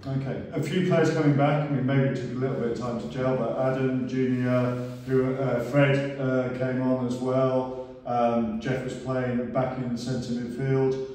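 A man's voice: medium pitch, little pitch movement, unhurried, dark tone, recorded from a distance. A man interviewing the manager after a match, asking brief questions with light humour. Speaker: club interviewer. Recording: echoey room from off-camera.

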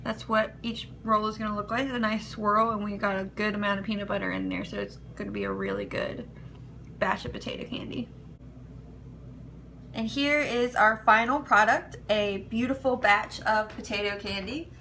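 A woman's voice: medium pitch, steady tone, moderate pace, bright, forceful tone, slight background noise, low-quality recording. A woman hosting a casual cooking demonstration, walking through each step in an easygoing, chatty way. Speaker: cooking video host.

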